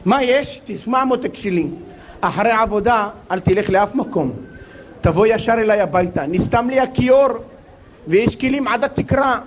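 A man's voice: sits high, lively intonation. A man voicing a doting older mother who showers her son with endearments. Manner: gushing endearments.

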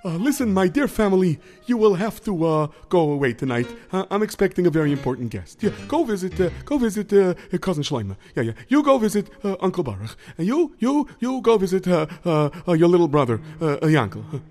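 A man playing an excitable, self-important pious man in a told story, theatrical, muttering and exclaiming. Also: sits high, a little fast, hardly any pauses, soft background music. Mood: flustered, dismissive.

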